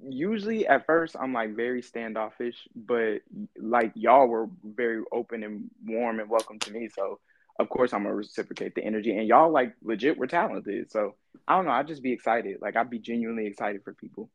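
Man, twenties, middle pitch, casual and halting, dry close sound. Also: no room sound. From California. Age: 20s. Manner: laid-back, halting, full of ums and laughs. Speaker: podcast guest, rapper. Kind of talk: casual interview chat.

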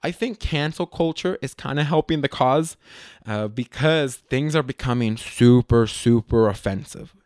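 A man's voice: medium pitch, measured pace, a little mellow, dry recording, clean studio sound. A man who works as a comedian, talking casually to the camera in a rambling way, often stopping to correct himself. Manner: rambling, self-correcting, hesitant.

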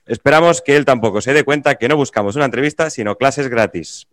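A man's voice: medium pitch, fast talker, a bit bright, no room sound, clean studio sound. A man from Tarragona hosting a podcast, chatting casually and laughing easily. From Tarragona, Catalonia. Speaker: podcast host.

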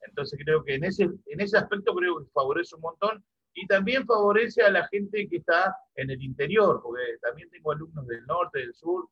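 A man's voice: a little high, animated, normal speed, slightly rough, muffled recording. A middle-aged Argentine man, a musician and music teacher from Santa Fe, talking casually in an interview over a video call. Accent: Argentine Spanish (rioplatense voseo).

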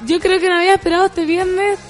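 Chilean woman, morning radio host, high bright voice, playful and jokey, music faint underneath. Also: little pitch movement, fast. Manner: playful, joking, rambling. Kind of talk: morning radio chat reading listener messages. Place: radio studio.

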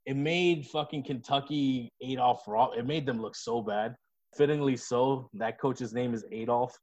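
A man's voice: medium pitch, a little slow, a little mellow. A man co-hosting a casual podcast chat, talking in a loose, profane and jokey way. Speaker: podcast co-host. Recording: slightly dull lo-fi sound.

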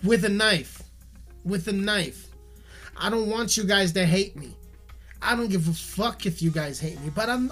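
On video, a musician delivers a furious, profane rant, cursing nonstop and going over the same points again and again. He speaks in a voice that sits high, with a fairly bright tone.

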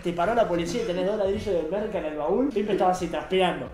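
A young man with a Rioplatense accent tells a story at a rapid clip, bouncing through acted quotes in a voice that sits a bit high. He sounds like he is in an echoey room, with faint music playing behind him. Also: very noisy. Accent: Rioplatense Spanish. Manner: fast, animated storytelling with acted quotes and laughter. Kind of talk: casual chat.

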